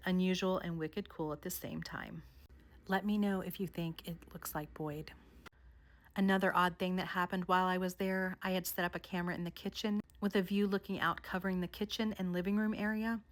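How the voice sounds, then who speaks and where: A woman vlogger narrating a countdown of haunted places in a measured storytelling way. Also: lowish voice. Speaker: paranormal vlogger. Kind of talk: scripted narration.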